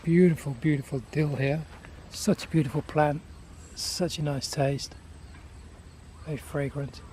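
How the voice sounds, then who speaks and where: A man giving a casual, unscripted garden tour outdoors, listing things in an unhurried, appreciative way. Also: on the high side, steady tone, darkish tone, rough recording. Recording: outdoor ambient noise.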